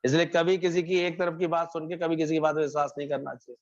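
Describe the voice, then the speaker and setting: A man's voice: a little high, level tone, quick pace. A man giving a devotional sermon, telling a parable and repeating phrases for emphasis. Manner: storytelling, acts out characters' lines, repeats phrases. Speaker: satsang preacher. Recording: muffled lo-fi recording.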